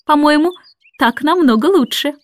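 A woman's voice: high-pitched, dry recording, voice pushed up, close to an everyday voice. Woman voicing a curt, no-nonsense nanny, clipped and prim. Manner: curt, brisk.

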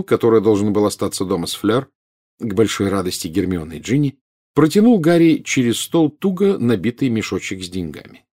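A man narrating a storybook with expressive reading. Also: lowish voice. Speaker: audiobook reader.

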